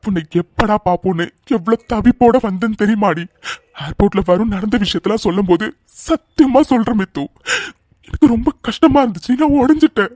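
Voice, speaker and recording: A man voicing a protective young man who is deeply in love and speaks in an insistent, pleading way in a cartoon dub. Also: steady tone, quick pace, darkish tone, no echo, clean studio sound, natural voice.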